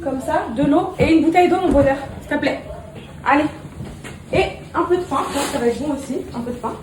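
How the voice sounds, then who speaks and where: Young mom chatting to her phone in an echoey kitchen, high voice, rambly, lots of restarts. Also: a little fast. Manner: rambling, animated, with many restarts; coos affectionately to her children. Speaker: vlogger and mother. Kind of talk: casual vlog chat to viewers. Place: home with kitchen. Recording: echoey room with background noise.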